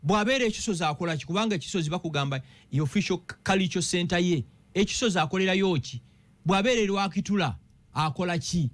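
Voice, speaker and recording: A Ugandan political commentator on a radio talk show discusses politics with animation, firing off rhetorical question after rhetorical question. His voice is high-pitched and fast.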